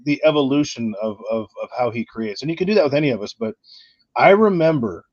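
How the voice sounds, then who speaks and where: A man's voice: mid-range voice, expressive, a little mellow, no echo, lo-fi sound. A man hosting a casual livestream chat, often repeating words as he gets going. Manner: halting, repeats words when starting. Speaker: channel host.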